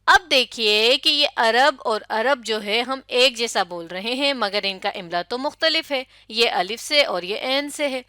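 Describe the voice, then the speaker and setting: A woman's voice: a little high, bright, forceful tone, smooth, dry recording, studio quality. A woman with a Pakistani Urdu accent giving a classroom lecture, asking questions, confirming answers and spelling words letter by letter. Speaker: teacher.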